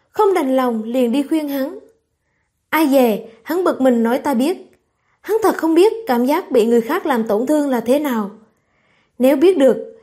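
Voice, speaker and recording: A woman narrating a martial arts novel as an audiobook with steady storytelling. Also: sits high.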